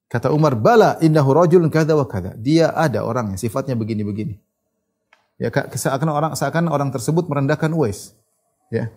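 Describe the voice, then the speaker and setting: A man giving a religious lecture, reciting Arabic narrations and retelling them in a lively storytelling way. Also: mid-range voice. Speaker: Islamic preacher.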